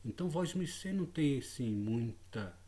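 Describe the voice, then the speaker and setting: A man voicing an old male spirit who speaks through a horseman in slow, formal, old-fashioned speech. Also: medium pitch, animated, warm tone, voice pushed up, close to an everyday voice. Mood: solemn.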